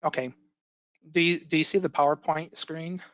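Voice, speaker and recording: Presenting a relaxed webinar through his computer mic, a man who teaches IT speaks at normal speed with a steady tone on the high side. Illness is costing him his voice, leaving it slightly hoarse, and he uses lots of fillers and restarts; there's no room sound.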